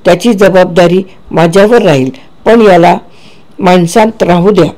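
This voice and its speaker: A man narrating a dark first-person story in a measured, grave way, sometimes correcting himself. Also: high-pitched.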